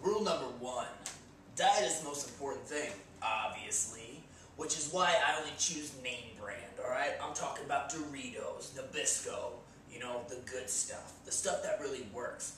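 In this comedy sketch, a young man in his twenties dishes out mock gym tips with swaggering meathead bravado. His medium-pitched voice is fairly bright and moves at a normal pace. The far-off camera mic picks up an echoey small room with a bare wall, plus a little hiss or hum.

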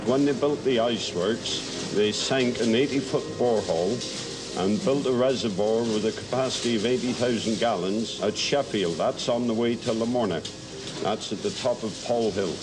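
A man's voice: medium pitch, moderate pace, noisy background. A man, explaining the local ice works in a plain, matter-of-fact way. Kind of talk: documentary interview.

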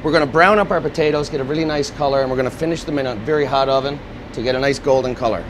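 A man's voice: medium pitch, racing, background noise. A man, an executive chef explaining a dish step by step in a restaurant kitchen, on a lapel mic. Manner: steady instructive step-by-step explaining. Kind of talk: cooking demonstration. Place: restaurant kitchen at a gas range.

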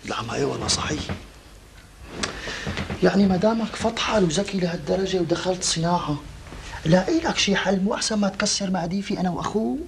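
An actor playing a young adult brother who bickers and schemes in a hushed, whispered way. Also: male voice, high-pitched, animated, fast talker, creaky, a little hiss or hum. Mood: hushed scheming. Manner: hushed, conspiratorial, often whispered. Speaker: comedy actor. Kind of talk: sitcom acting.

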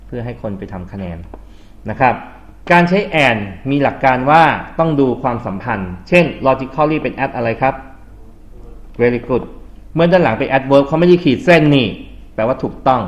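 Teaching a grammar lesson in a classroom, a male English tutor fires frequent questions at students and mixes in English terms as he explains. He sounds animated at a mid-range pitch and normal speed, in a dull, lo-fi recording.

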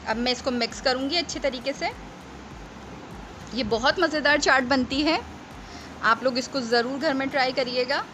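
A woman from Pakistan hosts a home cooking tutorial in her kitchen, walking viewers through each step in a chatty way and checking in with them often. Her voice sits high, her pace is normal with frequent pauses, and the home recording is noisy.

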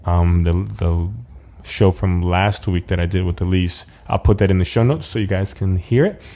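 A man's voice: deep voice, normal speed, mellow. A man hosting a podcast in casual interview style, upbeat and playful, often repeating words for emphasis. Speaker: podcast host.

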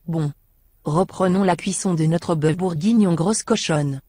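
Woman doing a shameless lewd young woman, low husky voice, dry close sound. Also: unhurried, mellow, no echo. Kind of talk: comic machinima voice acting.

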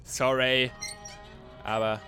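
A man's voice: mid-range voice, little pitch movement, takes it slowly, pushed and bright, soft background music. A man commenting as he plays a horror game, joking, swearing and panicking, sometimes reading notes aloud in a mocking tone. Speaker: gamer playing a horror game. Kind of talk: let's play commentary. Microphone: desk mic with facecam.

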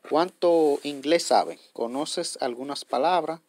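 A man walks viewers through an app one step at a time, in an unhurried, patient voice. He often pauses to check that they follow. The sound is dry and close, with no room around it. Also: a little high, a little mellow, dry recording. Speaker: tutorial host.

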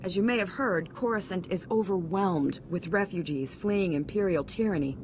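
Here a female voice with a darkish, natural tone plays a formal senator in a game cutscene, speaking at a moderate pace. The character is stern and commanding, short on time, and her authoritative speech carries stern urgency over a noticeable background rumble.

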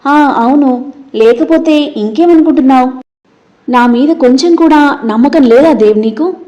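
A woman voicing a scheming young male villain who talks smoothly and plays innocent, on a dull lo-fi recording. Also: sits high, measured pace, dark tone. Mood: defensive.

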